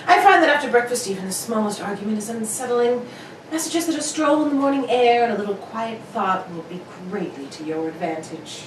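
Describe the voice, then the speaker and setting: A woman's voice: a little high, animated, natural voice. Sherlock Holmes played by a woman, roomy and distant. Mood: coolly cutting. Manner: dry, measured, formal, politely cutting. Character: Sherlock Holmes, cool, incisive gentleman detective. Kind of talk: 1940s radio mystery acting. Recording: roomy, distant, faintly noisy stage recording.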